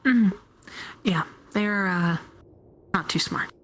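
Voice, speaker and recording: A woman playing a measured, dry guard on watch in a conversational improvised role-play. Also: mid-range voice, fairly bright tone, slight background noise. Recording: faint music behind.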